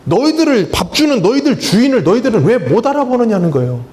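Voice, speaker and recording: A man's voice: extremely high pitch, big pitch swings, fast, a little mellow. A man who is a pastor, preaching a sermon in a church in a plain, conversational way. He keeps asking the congregation questions and then answers them himself, with touches of humor. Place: church sanctuary.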